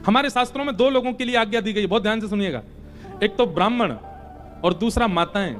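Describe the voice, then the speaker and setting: A man's voice: high-pitched, fairly bright tone. A man giving a devotional katha sermon as a spiritual storyteller, acting out the dialogue of the figures in his story.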